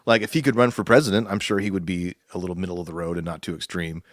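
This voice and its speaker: A man's voice: low voice, steady tone, racing, no echo, studio quality. A man co-hosting a podcast, rambling in casual chat and laughing often. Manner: rambling, laughs often, quotes people in put-on voices. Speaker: podcast co-host.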